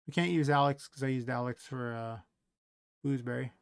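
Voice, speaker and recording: A man with a gravelly edge talks to himself while he works, rambling and trailing off. He sounds tired from a long night of building a game. The sound is close and dry. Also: mid-range voice, steady tone, normal speed, no room sound. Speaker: indie game developer streaming his work. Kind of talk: thinking aloud while working.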